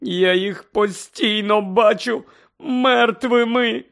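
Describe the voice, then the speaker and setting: Man doing a sobbing, shrill middle-aged witch mother. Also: slow pace, creaky, full character voice.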